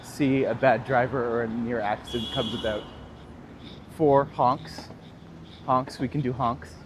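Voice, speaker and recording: Steady in tone and measured in pace, this medium-pitched man in his thirties has a Northern Ontario accent. He's a tour guide livestreaming an outdoor walk on a city street, chatting casually and laughing as he replies to viewers, with faint traffic behind him.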